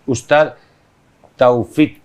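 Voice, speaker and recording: Spanish-accented man speaking halting learner's Indonesian. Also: mid-range voice, steady tone, a little mellow, smooth. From Spain. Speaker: interview guest. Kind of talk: casual interview answers.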